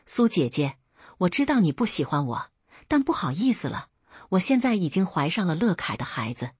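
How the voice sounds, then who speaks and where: A woman's voice: on the low side, very animated, normal speed, slightly rough, no room sound, full character voice. A woman putting on a smug, falsely sweet young rival. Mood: taunting sweet. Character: smug scheming young woman, the brother's pregnant fiancée. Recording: dull lo-fi audio.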